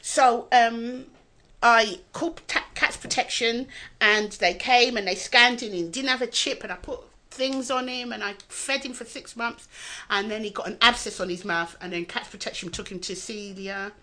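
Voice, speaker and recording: Woman comic, bright brassy tone, sweary animated storyteller. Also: fairly high pitch, moderate pace. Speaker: podcast co-host, comedian. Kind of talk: casual chat.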